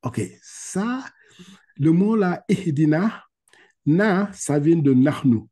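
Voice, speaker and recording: A man's voice: fairly high pitch, expressive, dark tone. A man teaching Quran reading over a video call, explaining patiently step by step and checking in with frequent "ok?". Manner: slow, drawn-out recitation of Arabic words for repetition.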